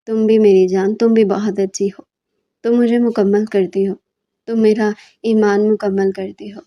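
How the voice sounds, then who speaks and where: A woman's voice: mid-range voice, level tone, dark tone, lightly acted. A woman reading the lines of a teasing, doting young husband in an audio novel, without a distinct character voice. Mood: coaxing. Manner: teasing, coaxing.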